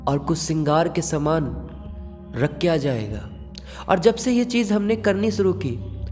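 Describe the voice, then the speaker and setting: Man playing a grave village uncle telling a ghost tale, higher voice, long echo, music under. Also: a little mellow. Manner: earnest, cautionary, storytelling. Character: village uncle warning young men about a haunted mansion. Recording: long reverb with background music.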